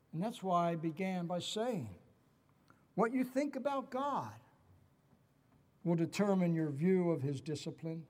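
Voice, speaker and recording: Middle-aged guy pastor preaching, earnest, repeats himself for emphasis, voice sits a bit high. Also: darkish tone, in a large hall. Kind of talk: sermon.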